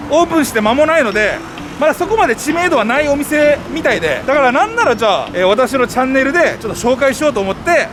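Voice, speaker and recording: Male food vlogger, upbeat and chatty, high-pitched and very fast. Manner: excited, enthusiastic, animated. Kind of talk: casual chatty restaurant review. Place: outdoors on a city street. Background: background music.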